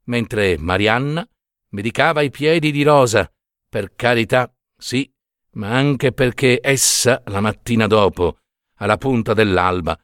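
A man reading a story aloud with expressive, dramatic phrasing and long pauses. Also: mid-range voice, dry recording, studio quality. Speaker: narrator.

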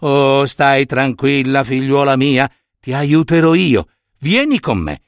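A man doing a slow, kindly old crone. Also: medium pitch, animated, no room sound, studio quality. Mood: gentle. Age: older. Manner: slow, soothing, instructive. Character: kindly old woman, wise helper.

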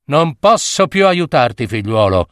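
A man's voice: mid-range voice, very animated, unhurried, a bit bright, clean tone, no room sound, studio quality. A man voicing a horrified, pious old village priest who speaks in a solemn, fervent way.

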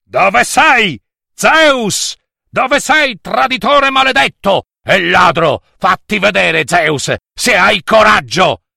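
A man voicing a furious river god, a wrathful father who booms and shouts accusations. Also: expressive, slow pace, creaky, husky, no echo, clean studio sound, full character voice.

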